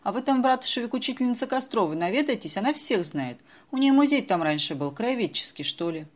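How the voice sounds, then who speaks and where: A talkative old village woman, put on by a woman reading a children's story, her voice pitched high and loud. She speaks in a folksy, sing-song way. The tone stays kindly and eager to chat. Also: animated, quick pace. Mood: kindly chatty. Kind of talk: audiobook character voice.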